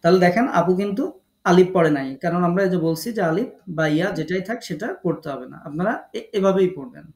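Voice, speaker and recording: Gravelly-voiced man teaching recitation. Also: high-pitched, a little mellow. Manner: patient, coaxing, repeats syllables slowly. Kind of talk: online class, calling on students to read.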